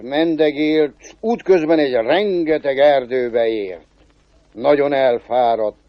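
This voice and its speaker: A man telling a folk tale in a lively way, shifting pace and pitch. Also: no room sound. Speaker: storyteller. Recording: dull, dry recording.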